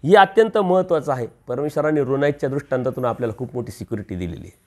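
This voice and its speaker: A man's voice: medium pitch, animated, fast. A man preaching a storytelling sermon, acting out the voices of a village parable and rising for emphasis.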